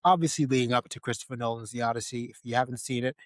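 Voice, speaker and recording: In a mid-range voice with fairly even intonation, a man co-hosts a casual film discussion podcast, talking rapid-fire and repeating key phrases for emphasis. The recording is dry, with no echo and very little room sound.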